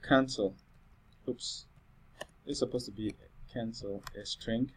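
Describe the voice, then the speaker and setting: A man's voice: mid-range voice, fairly even intonation, takes it slowly, husky. Casual man talking through code. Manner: thinks aloud, many fillers and "all right?" checks. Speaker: coding tutor. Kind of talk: screen-recorded coding tutorial.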